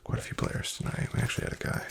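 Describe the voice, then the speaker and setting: In a soft-spoken ASMR roleplay, a man plays a shady back-alley card dealer, half-whispering clipped, unhurried patter with a gravelly creak. He sounds guarded and confiding in a natural voice, with background noise present.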